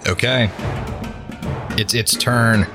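A man's voice: medium pitch, steady tone, slow. A man acting as game master, casually narrating and refereeing a tabletop game with music behind him.

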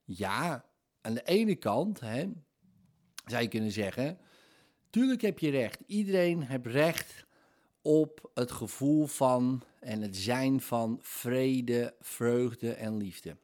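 A man hosting a reflective solo podcast, talking hesitantly and filling his pauses with "eh" while he gropes for words. His tone is candid and gently self-mocking, at an ordinary middle pitch for a man. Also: lively intonation. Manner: hesitant, many fillers, searching for words. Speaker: podcast host.

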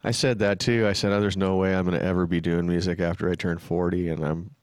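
A man's voice: low-pitched, level tone, fast, darkish tone, dry recording, clean studio sound. A man in his fifties, a musician and band leader, talking in an easygoing, plainspoken way in casual podcast chat. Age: 50s.

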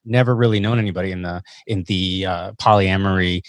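Male podcast guest, earnest and effusive, slightly low voice, dry recording. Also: fairly even intonation, brisk, dry recording. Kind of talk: casual interview conversation.

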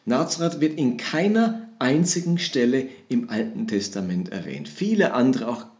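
German-speaking preacher in an echoey room. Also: male voice, medium pitch, moderate pace. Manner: expository, with lively quoted dialogue. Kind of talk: sermon. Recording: roomy echo.

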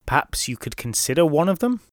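A man's voice: a little high, very animated, fairly quick, dry recording, studio quality, pitched above the performer's own voice. A man voicing a bruised, deferential carrier politely offering women as maids. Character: bruised, eager-to-please male carrier.

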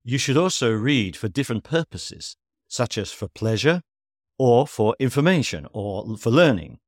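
A man teaching English in a scripted podcast lesson, reading at a steady, measured pace and spelling out examples clearly. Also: mid-range voice, dry recording, studio quality.

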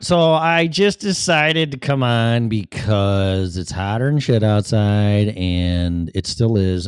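A Chicago-accented man hosts his live-stream show, rambling casually in a chatty, profane, self-deprecating way. His voice sits low and smooth. The sound is clean studio quality with no echo.

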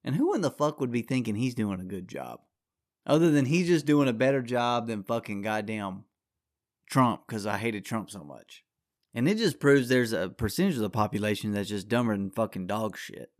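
Man, solo podcast rant, low voice, dry close sound, constant cursing. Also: lively intonation, normal speed, dry recording. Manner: crude, heavy swearing, rambling and combative. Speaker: podcast host.

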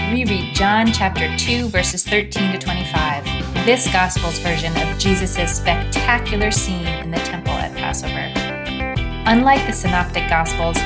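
A woman co-hosting a podcast, reading a scripted intro and then chatting playfully, quick to laugh. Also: medium pitch. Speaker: podcast co-host.

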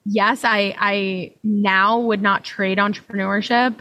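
Brief: young woman guest, mid-pitched, candid and thoughtful, casual chat. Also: fairly even intonation, slow pace, bright, forceful tone, lo-fi sound. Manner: reflective, candid, many "like" fillers. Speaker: podcast guest. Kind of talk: casual conversational interview.

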